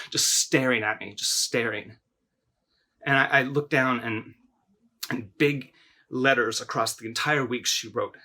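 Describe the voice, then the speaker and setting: An actor playing a melodramatic, film-obsessed young man in a mockumentary confessional, talking in halting, stammering bursts and repeating his words. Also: medium pitch, sharp tone, slightly rough. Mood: tense. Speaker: interview subject in a mockumentary.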